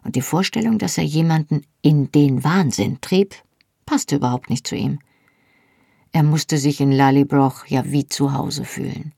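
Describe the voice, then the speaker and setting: Gravelly-voiced woman reading a novel. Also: sits low, a little slow, mellow, no room sound, clean studio sound. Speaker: audiobook reader. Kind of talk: first-person novel narration.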